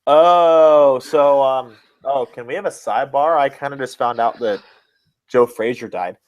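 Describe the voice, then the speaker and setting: Another co-host of a casual wrestling podcast talks bluntly and with exasperation, cursing often. His voice sits at medium pitch and moves a little slowly.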